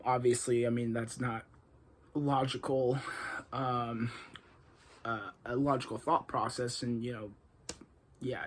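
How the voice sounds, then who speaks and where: A young man talks through his own recovery in a loose, candid monologue, speaking straight to camera. He stops often on ums and uhs and restarts his sentences. His voice sits at an ordinary, middle pitch. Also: a little hiss or hum. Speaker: vlogger recounting his addiction recovery. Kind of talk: casual first-person monologue.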